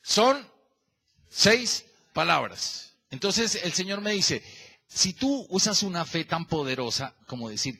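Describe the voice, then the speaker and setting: A male pastor preaching a sermon, questioning the congregation and calling on members by name as he works through a verse. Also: sits high. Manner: lively and animated, stretching the verse phrase by phrase.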